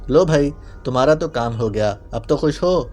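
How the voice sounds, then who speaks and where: A man's voice: medium pitch, animated, darkish tone, soft background music, close to an everyday voice. A man voicing a playful young male spy who talks in a mock-pitiful, whining way. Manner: whiny, mock-pitiful clowning.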